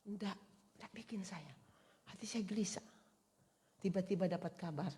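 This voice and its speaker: A woman giving a sermon testimony at a women's church service, telling a story that moves from hushed tones to loud, emotional highs. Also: normal speed. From Indonesia.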